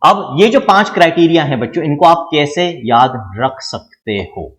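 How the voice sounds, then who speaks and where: A man's voice: a little high, expressive, normal speed, fairly bright tone. A middle-aged man with an Indian accent teaching biology to exam students, explaining step by step with lots of rhetorical questions. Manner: explains with repeated rhetorical questions, calls listeners "children". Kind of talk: exam-prep lecture.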